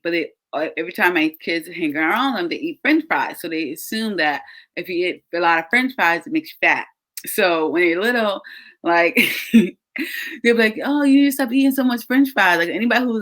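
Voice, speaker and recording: A woman in her thirties hosts a relaxed chat, animated and quick to laugh as she tells family stories. Her voice is bright and forward. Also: mid-range voice. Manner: animated storyteller, laughs often. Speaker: host. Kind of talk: casual chat.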